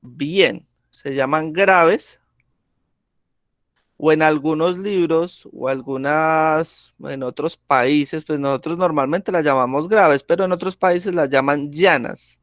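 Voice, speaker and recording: A male teacher talks very slowly and patiently, with a slightly raised pitch. He keeps checking in with the class. The sound is dry and close, like a video call. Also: dry recording. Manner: slow, patient, checks in with frequent "¿sí?". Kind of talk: classroom grammar lesson.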